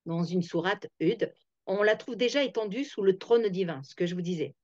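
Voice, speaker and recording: A woman's voice: mid-range voice, animated, normal speed, darkish tone, no echo. A woman hosting a reflective talk, thinking aloud with many fillers and restarts. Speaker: host. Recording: dull, dry lo-fi sound.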